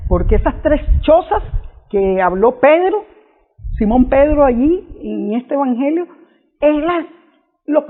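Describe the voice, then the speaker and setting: A man preaching an unscripted reflection on scripture, earnest, often restarting and repeating his phrases. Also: very high-pitched. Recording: tinny phone-like audio.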